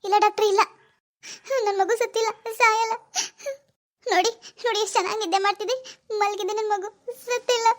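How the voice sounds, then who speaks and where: Woman playing a young village mother, very high voice, pleading, frantic questions, village drama. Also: fairly even intonation, quick pace, a little mellow. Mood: grieving.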